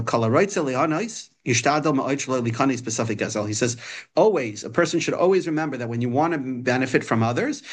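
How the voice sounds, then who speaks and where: Man, mid-pitched voice, religious teacher, informal text lesson, hesitant phrasing with repeated words. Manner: hesitant, repeats and restarts phrases while explaining.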